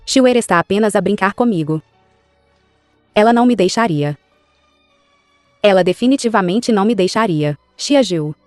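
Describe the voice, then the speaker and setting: Casting: mulher dublando mãe guerreira angustiada, sotaque de Portugal, drama de época dublado. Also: female voice, medium pitch, animated, normal speed, pauses often, a little mellow, no echo, faint music behind, lightly acted. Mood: anguished. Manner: accusing, then desperate pleading. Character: grieving mother, noble general's wife, fierce. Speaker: dubbing actress.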